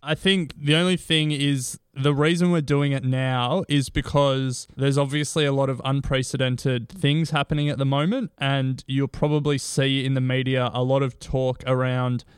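A man's voice: mid-range voice, level tone, moderate pace, few pauses, clear, resonant tone, dry recording. A man co-hosting an investing podcast, talking from under a blanket at home with dry, joking asides. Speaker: podcast co-host. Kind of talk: casual investing chat.

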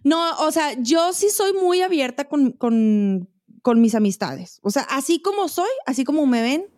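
A Mexican woman co-hosting a podcast, telling stories in animated casual chat packed with slang and swearing. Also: high-pitched, measured pace. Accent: Mexican Spanish. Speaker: podcast host.

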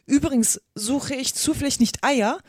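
A woman's voice: high voice, normal speed, a little mellow, no echo, studio quality, voice pushed up, natural voice. A woman voicing an earnest, easily flustered little girl in a storybook reading, protesting indignantly. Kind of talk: audiobook character reading.

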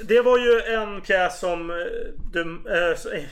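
A man's voice: sits high, over a noisy crowd. A man co-hosting a casual podcast chat, talking hesitantly with many fillers and restarts. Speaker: podcast co-host.

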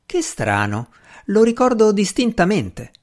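Man reading as a young lady, gentle, earnest, teasing, raised lilting voice, audiobook. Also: high-pitched, wildly swooping pitch, a little slow, voice pushed up, heavily acted. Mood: playful. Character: young woman, gentle and good-natured.

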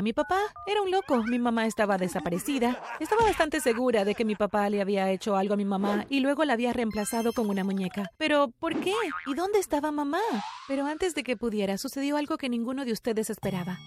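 A woman narrating a first-person story with a breathless, excitable delivery. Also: on the high side, fast, music in the background.

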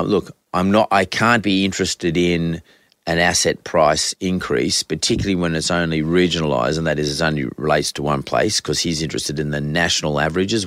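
An Australian man hosting a podcast in conversational, off-the-cuff talk, his voice croaky from a cold. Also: sits low, fairly bright tone, dry recording, studio quality. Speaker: podcast host. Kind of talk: unscripted solo podcast talk on news and economics.

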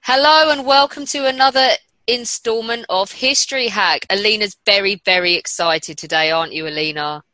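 A woman's voice: medium pitch, moderate pace, hardly any pauses, sharp tone, dry recording, soft background music, low-quality recording. A woman hosting a casual podcast chat in a teasing, wry manner. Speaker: podcast host.

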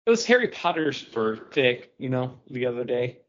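A man hosts a podcast in a casual, chatty way, his mid-range voice swinging widely in pitch. He talks at a moderate pace with a slightly bright tone, and the audio is dull and lo-fi.

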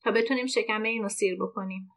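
A woman's voice: mid-range voice, fairly even intonation, fairly bright tone, natural voice. A woman reading the lines of a practical, plainspoken village man in a story. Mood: plain.

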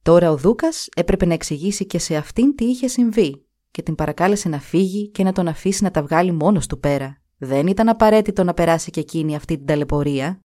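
A woman's voice: on the low side, animated, mellow. Woman narrating a fairy tale expressively. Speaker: storyteller.

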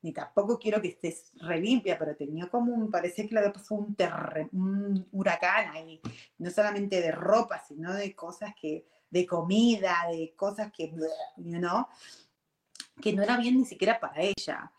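A woman's voice: mid-range voice, moderate pace. A woman gives a reflective personal talk on meditation and emotions. She talks earnestly, restarts phrases often, keeps checking in with "ok?" and slips in English words. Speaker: meditation and self-growth speaker. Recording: roomy echo.

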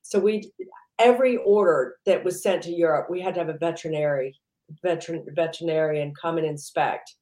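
A woman with a lowish voice chats loosely as an interview guest, circling her points and filling gaps with "you know". The recording has a noticeable roomy echo. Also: a little fast, mellow. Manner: rambling, heavy use of "you know". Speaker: entrepreneur guest. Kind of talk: casual interview chat.

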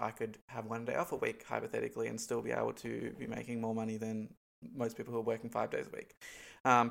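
With his nose blocked up, this young adult Australian vlogger talks loosely to camera in a medium pitch. Gravelly fry creeps into the ends of his phrases as he rambles along, dropping plenty of ums and likes and laughing between points.

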